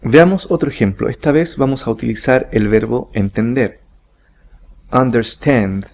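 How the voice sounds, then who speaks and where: Slow, gravelly-voiced male teacher. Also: mid-range voice, a little mellow. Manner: slow, deliberate, repeats example sentences. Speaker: English teacher. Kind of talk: online grammar lesson.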